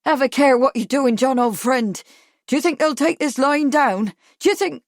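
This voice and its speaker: A woman's voice: high-pitched, normal speed, no echo, clean studio sound, pitched above the performer's own voice. A woman doing a pleading frightened man. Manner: urgent, pleading.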